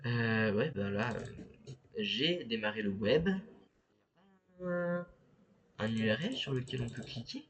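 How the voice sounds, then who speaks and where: A man streaming a game live, talking to his chat in a halting, stammering way and reading the screen aloud. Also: medium pitch, animated, a bit bright. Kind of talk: live gameplay commentary.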